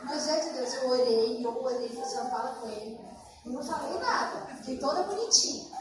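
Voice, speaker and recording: A woman pastor delivers a sermon, moving between story and scripture and acting out both sides of a conversation. Her voice sits high. The recording is distant and very echoey, with a steady room noise behind her. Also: moderate pace. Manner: animated storytelling, acting out dialogue. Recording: echoey church hall from far off.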